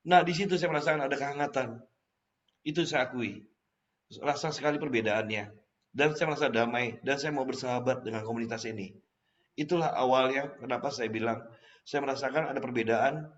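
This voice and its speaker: A man's voice: mid-range voice, fairly quick. A man telling his personal faith testimony in casual spoken style, acting out past lines as he tells the story. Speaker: testimony speaker. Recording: slightly muffled recording.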